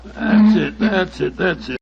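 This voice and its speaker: An actor playing a genial older male doctor who tells the story, with an avuncular manner and a gravelly voice, in 1940s radio acting. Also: sits high, slow pace, background noise, full character voice. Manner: avuncular, blustering when annoyed. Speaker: narrator. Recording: muffled old radio broadcast.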